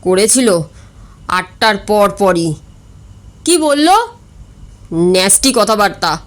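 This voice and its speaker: A man's voice: high voice, lively intonation, slow pace, a bit bright, pitched below the performer's own voice, full character voice. A woman reading a storybook voices an aggrieved, easily flustered middle-aged bachelor who complains indignantly and stammers when upset.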